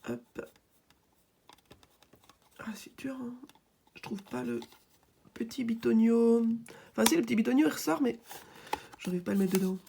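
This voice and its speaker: A woman's voice: fairly high pitch, lively intonation, moderate pace, gravelly, pauses often, background noise. A woman vlogger chatting casually while unboxing small toys, hesitant and full of filler sounds, joking about herself, recorded close on a phone at home. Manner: self-deprecating, playful. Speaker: family channel vlogger. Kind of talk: casual toy unboxing chat. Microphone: phone filming close up.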